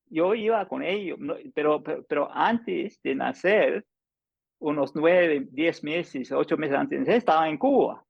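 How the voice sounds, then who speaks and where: A man's voice: fairly high pitch, measured pace, creaky, breathy edge, no echo, lo-fi sound. A man in his seventies speaking conversationally with a Cuban-style Caribbean Spanish accent, often repeating words and restarting phrases as he explains. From United States, born in New York, partly raised in Spanish-speaking countries. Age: 70s. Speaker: polyglot language mentor and guest.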